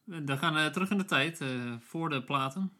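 A man's voice: fairly high pitch, moderate pace, bright, forceful tone. A man co-hosting a podcast in casual chat, often hesitant and thinking aloud as he talks. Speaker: podcast co-host. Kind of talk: casual chat about records.

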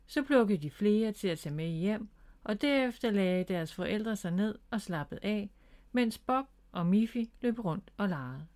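A woman reading a children's picture book aloud in a calm, gentle way. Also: mid-range voice. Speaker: storyteller.

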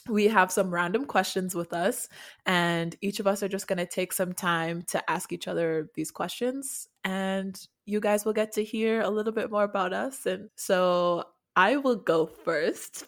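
A woman from Nigeria co-hosting a podcast, talking in a thoughtful, earnest way with small laughs. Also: medium pitch. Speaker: podcast co-host. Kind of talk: casual podcast chat.

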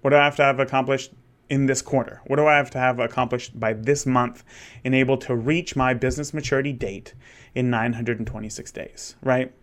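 A man of thirty, a podcast host who also works as a wedding photographer, talks in a steady, medium-pitched voice at a brisk clip. It's a candid, rambling solo monologue with many restarts.

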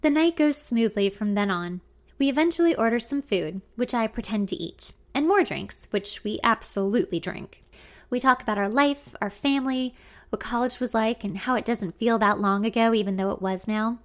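Young woman, expressive first-person narrator, slightly high voice. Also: moderate pace. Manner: intimate, expressive.

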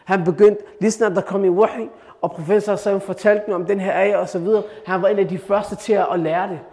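A male preacher tells a religious story in an animated way, often turning to his listeners with questions. His slightly high voice carries a long echo through a reverberant hall.

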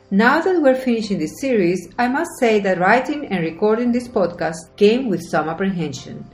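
Earnest woman coach with lively pitch. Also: echoey room. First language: not English. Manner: earnest, encouraging, reads from a script. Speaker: podcast host, life coach. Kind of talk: scripted motivational monologue.

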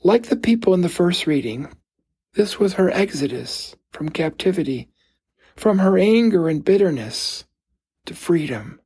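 Slow husky gravelly-voiced priest. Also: male voice, high-pitched, big pitch swings. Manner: slow, gentle, thoughtful pauses. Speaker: priest giving a homily. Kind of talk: slow reflective homily.

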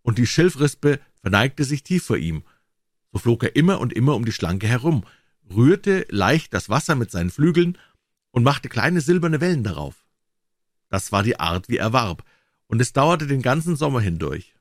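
A man reading a fairy tale aloud as scripted storybook narration, expressive and theatrical. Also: mid-range voice, normal speed, no room sound, clean studio sound. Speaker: audiobook reader.

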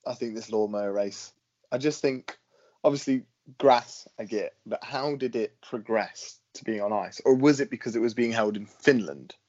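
A chatty man co-hosting a podcast, often laughing and restarting his sentences. His voice sits in a middle pitch. The recording is dry and a little dull. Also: normal speed, darkish tone, no echo. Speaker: podcast co-host. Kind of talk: casual chat.

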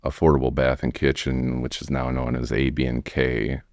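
A man in his forties with an American accent, telling his story casually in a halting, rambling way as an interview guest. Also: a bass voice, monotone, dry recording, studio quality. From United States, Wisconsin. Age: 40s. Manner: rambling, halting, frequent "you know". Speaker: podcast guest, remodeling tradesman.

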